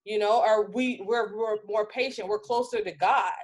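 A woman's voice: medium pitch, steady tone, normal speed. A woman co-hosting a podcast in casual chat. She talks in a heated, emphatic way with frequent restarts. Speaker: podcast co-host.

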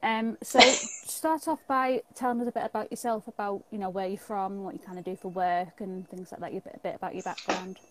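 A woman's voice: medium pitch, fairly even intonation, brisk, hardly any pauses, fairly bright tone, poor audio. A British woman hosting a casual interview in a chatty, informal way over a video call. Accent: British English. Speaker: interview host. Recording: clearly audible background noise.

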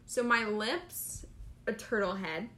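A woman's voice: mid-range voice, slow pace, crowd noise. A young woman in casual chat, telling a funny, embarrassing story. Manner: storytelling, laughing through embarrassment.

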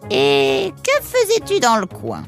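A woman voicing a large, sly, motherly female fox in an audiobook, talking in a slow, coaxing way. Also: extremely high pitch, wildly swooping pitch, creaky, faint music behind, heavily acted. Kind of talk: audiobook character voice.

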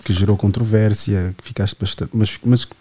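A man, hosting a podcast in relaxed, chatty conversation and asking questions. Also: on the low side, moderate pace. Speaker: podcast host. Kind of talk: casual podcast chat.

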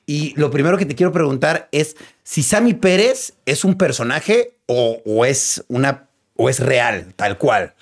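A man's voice: medium pitch, expressive, measured pace. A man interviewing a guest, asking eager friendly questions and adding short replies while the guest talks. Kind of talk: casual interview.

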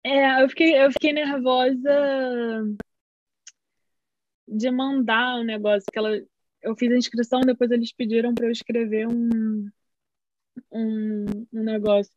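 A woman, co-hosting a podcast and telling stories in an animated, rambling way. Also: fairly high pitch, unhurried, pauses often, no room sound, dull audio. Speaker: podcast co-host. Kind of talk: casual chat.

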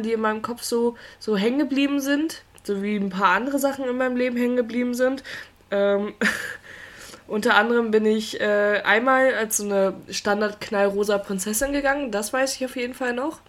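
A woman's voice: fairly high pitch, fairly quick. Rambling young woman podcast co-host. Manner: rambling, detailed storyteller, laughs often. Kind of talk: casual chat.

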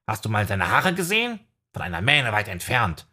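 A man's voice: lowish voice, wildly swooping pitch, moderate pace, pushed and bright, slightly rough, full character voice. A man voicing a small, fussy, know-it-all male owl familiar in an audiobook, in a raised, pedantic voice. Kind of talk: audiobook character voice.

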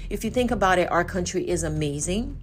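Woman, forties, from Brazil, native Portuguese speaker, low voice, casual podcast host, chatty, faint hiss. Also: brisk. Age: 40s. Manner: chatty, animated, self-correcting.

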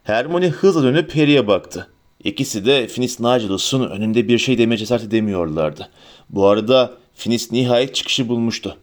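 A man narrating an audiobook in a steady, even storytelling manner. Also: mid-range voice, normal speed.

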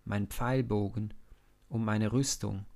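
A man voicing a loyal young prince who speaks gently and earnestly in a storybook reading. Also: lowish voice, steady tone, slow. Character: warm-hearted young prince, male, loyal friend.

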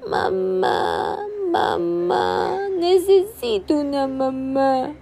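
A woman voicing a small lonely young male bird with a high, pleading, childlike voice in a storybook reading. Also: expressive, a little slow, darkish tone.

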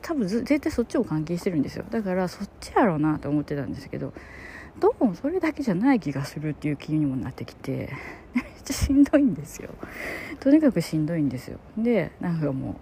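Gravelly low-voiced Kansai woman. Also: slight background noise. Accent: Kansai Japanese. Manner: animated, chatty, laughs often, drops to soft murmurs. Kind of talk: casual personal storytelling monologue.

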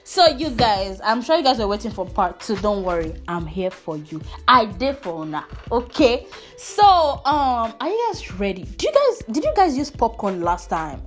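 A woman's voice: medium pitch, sing-song, moderate pace, few pauses, faint music behind. A young woman with an Igbo Nigerian accent chatting playfully to listeners as a host, with teasing Pidgin expressions. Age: young adult. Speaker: podcast host. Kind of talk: casual storytelling chat addressed to listeners.

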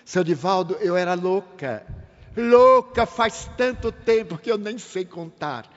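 A man's voice: high voice, lively intonation, unhurried. A man voicing a mother who was once insane, telling her story in an earnest, breathless rush. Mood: pleading. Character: formerly insane middle-aged mother, pleading. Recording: dull lo-fi recording in a reverberant hall.

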